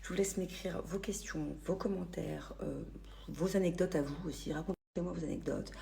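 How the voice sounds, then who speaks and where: Her pitch is fairly low and her pace moderate, with a gravelly texture and a warm tone. She's a French vlogger from the Paris region, casually sharing stories with followers on her phone and filling them with hesitations and restarts.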